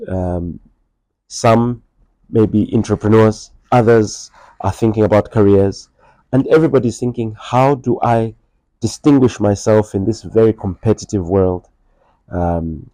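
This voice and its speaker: Guy hosting an interview, lowish mellow voice, dry close sound, lots of mm and right. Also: no echo, rough recording. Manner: attentive, frequent short acknowledgments. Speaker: interviewer host. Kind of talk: interview conversation.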